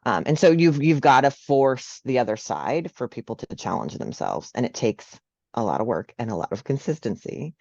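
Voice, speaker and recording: A woman's voice: extremely low pitch, normal speed, dry recording, lo-fi sound. A woman, a social worker, talking in a casual interview and often checking in with "right?". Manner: animated, frequent "right?" tags.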